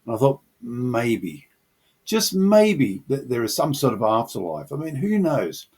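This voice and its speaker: A middle-aged man speaks with a husky, slightly breathy voice at a mid pitch. He tells his personal faith testimony in an earnest, reflective way. His voice sits in the middle of the male range. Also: big pitch swings, fairly quick, darkish tone. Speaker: channel host sharing his testimony.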